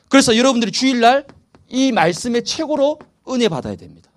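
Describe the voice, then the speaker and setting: A middle-aged male pastor leading a church new-member training session, asking the audience questions and answering them himself. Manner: lively, animated rises and drops in pitch.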